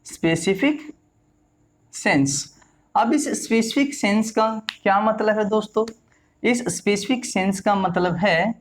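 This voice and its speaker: A man from India, teaching a lesson and often repeating key words and putting questions to his viewers. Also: sits high. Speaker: English teacher. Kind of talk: classroom-style lesson explanation.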